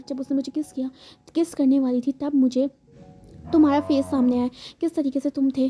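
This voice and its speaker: A woman's voice: sits high, dark tone, natural voice. A woman voicing a worried young man who speaks urgently and insistently to someone he loves.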